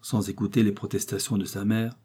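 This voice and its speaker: A man narrates a novel for an audiobook with measured, even storytelling. His voice is low and dark, with a husky grain.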